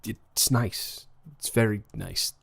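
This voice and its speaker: A man's voice: lowish voice, very animated, slow pace, creaky, a bit bright, exaggerated voice. A man playing a stammering nervous new boy. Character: anxious shy new boy at school, outcast. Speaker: audio roleplay performer. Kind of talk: romantic audio role-play.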